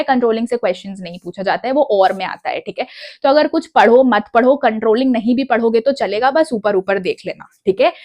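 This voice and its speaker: High-voiced young woman coaching exam students. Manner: direct, insistent, mixes English phrases into Hindi. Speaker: educational YouTuber. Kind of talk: exam strategy talk to students.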